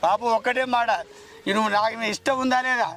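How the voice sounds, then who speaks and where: An actor playing a devoted, protective son and brother, who pleads and repeats comforting words. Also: male voice, very high voice, fairly even intonation, fast, sharp tone. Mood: pleading. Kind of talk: emotional short-film acting. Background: music.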